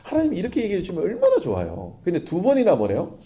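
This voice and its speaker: A man preaching a sermon as pastor, lively, often asking the congregation questions. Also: high voice, very fast.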